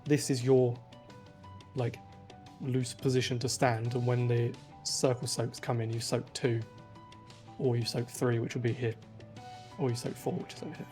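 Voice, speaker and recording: Man, group voice chat, raid leader, methodical step-by-step calls, mid pitch, faint music behind. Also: little pitch movement, normal speed, long pauses, a little mellow. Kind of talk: explaining raid positions.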